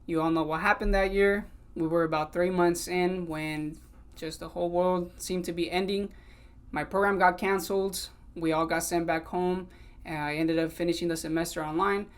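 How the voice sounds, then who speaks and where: Hosting his own podcast episode, a twenty-something man from Sacramento, California, also raised in Mexico, talks earnestly in a conversational mix of English and Spanish. His smooth voice sits high, with fairly even intonation and normal speed.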